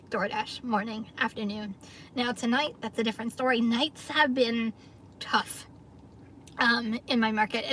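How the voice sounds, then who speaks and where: A chatty, upbeat middle-aged woman talks casually to her livestream viewers from inside her car, laughing easily between thoughts. Her voice sits a little high for a woman. A faint hiss of background noise runs under the recording. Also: fairly bright tone. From New York area, US. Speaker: livestream host, gig delivery driver. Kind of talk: casual livestream chat reading viewer comments.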